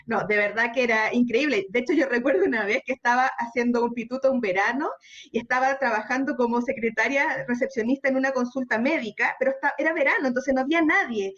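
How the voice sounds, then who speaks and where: A woman's voice: on the high side, fast talker, a bit bright, lo-fi sound. A Chilean woman psychologist speaking as a radio guest, explaining earnestly and candidly. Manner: earnest, explanatory, candid about own fears. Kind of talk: conversational interview.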